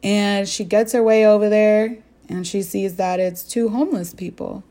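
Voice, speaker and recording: A woman's voice: mid-range voice, steady tone, moderate pace, warm tone. A young woman from the American Southwest hosting a faith-based podcast, telling a story earnestly and asking her listeners direct questions. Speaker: podcast host. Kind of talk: faith-based reflective talk.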